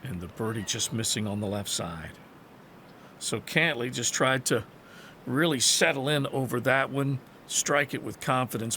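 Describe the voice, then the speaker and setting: A man calling golf play-by-play in short, measured broadcast phrases. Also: mid-range voice, background noise. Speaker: golf commentator.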